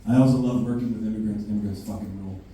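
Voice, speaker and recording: In a very echoey basement club, recorded from a distant mic with faint hiss, a man rants through a brash, profane stand-up set for a live audience. He talks rapid-fire, his voice fairly low and dark with fairly even intonation.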